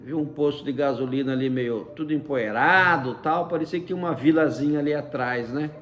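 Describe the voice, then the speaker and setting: A man's voice: on the high side, brisk, fairly bright tone, soft background music. A man casually telling a personal story in a chatty way, often tagging "né?" and using fond diminutives. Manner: chatty, fills with frequent "né?"; uses many fond diminutives. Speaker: storyteller recounting a personal experience.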